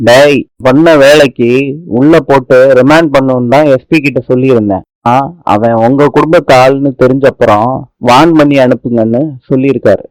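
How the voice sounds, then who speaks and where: A man reading out the dialogue of a TV serial in an even, plain delivery. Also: mid-range voice, moderate pace, no room sound, poor audio. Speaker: reader of serial scenes. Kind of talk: reading drama dialogue aloud. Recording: dry close recording.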